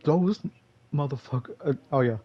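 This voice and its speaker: A man's voice: fairly high pitch, moderate pace, dull audio. A man giving casual gameplay commentary, rambling and correcting himself, chuckling often.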